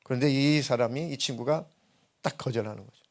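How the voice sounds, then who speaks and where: A man's voice: mid-range voice, a little fast, a little mellow. A man preaching a sermon as senior pastor, telling stories in a conversational way and acting out what people said in a raised voice. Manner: conversational storytelling preaching, acts out quoted dialogue in a raised voice. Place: church sanctuary.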